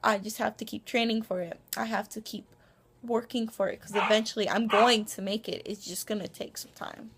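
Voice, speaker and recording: A woman's voice: mid-range voice, fairly even intonation, normal speed, background noise. A young woman vlogging to camera in a casual, rambling way, with many ums, restarts and self-conscious asides. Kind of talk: casual vlog monologue. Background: dog barking.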